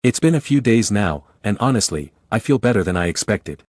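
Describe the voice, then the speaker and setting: Guy narrating a reddit-style story, kinda low voice, blunt and steady, dead dry recording. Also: fairly quick, dry recording. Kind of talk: scripted narration of an online story.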